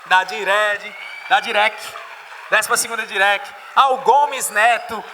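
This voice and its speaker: Bright-voiced Brazilian teacher in a hall. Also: male voice, sits high, fairly even intonation, slow, a little hiss or hum. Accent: Brazilian Portuguese. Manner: mixes English phrases into Portuguese explanation, asks students questions. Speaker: English teacher. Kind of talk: live exam-prep class. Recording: reverberant hall.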